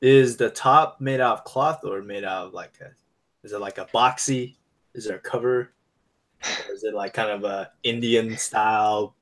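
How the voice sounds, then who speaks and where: A man's voice: on the low side, moderate pace, fairly bright tone. A young man chatting casually as a player in a tabletop game, asking curious questions and joking.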